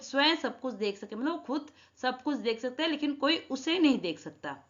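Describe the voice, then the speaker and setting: In this dull, lo-fi recording, a woman who teaches Hindi goes over a reading lesson with schoolchildren. She reads each sentence again and explains the words in English, speaking at a medium pitch with a slightly bright tone.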